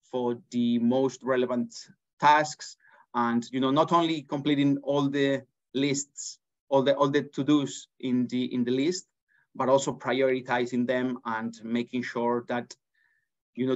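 Spanish-accented man on a dull video call. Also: medium pitch. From Spain. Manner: earnest, many restarts and fillers. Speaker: interview guest. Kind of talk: conversational interview. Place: office with large windows. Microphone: laptop webcam on a video call.

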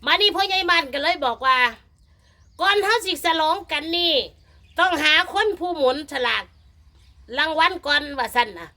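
A middle-aged woman with a Phu Thai Isan accent, chatting to viewers loudly and teasingly with lots of laughter. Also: very high voice, normal speed. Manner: loud, laughing, teasing, animated storytelling. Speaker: vlogger challenging a lottery rival. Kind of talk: casual chat to viewers.

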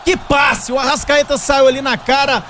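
A Brazilian man giving live radio football commentary as match reporter, excitable and emphatic, often repeating his exclamations. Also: very high-pitched, normal speed, some chatter behind, slight background noise.

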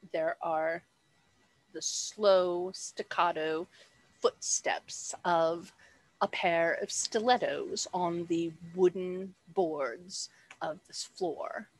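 A woman's voice: lowish voice, poor audio. A woman game master narrating a tabletop game over a headset on a video call.

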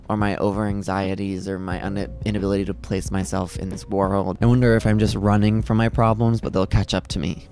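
A young man vlogging from his parents' house in a low, gravelly voice. He talks casually and pokes fun at himself, calling his delivery monotone. Soft music plays underneath. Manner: self-deprecating, calls his own voice monotone. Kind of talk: casual vlog talk to camera.

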